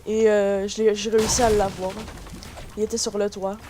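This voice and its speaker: A woman with a Quebec French accent giving chatty, excitable commentary on her gameplay to her viewers. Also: medium pitch, moderate pace. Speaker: gaming YouTuber. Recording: noisy home recording.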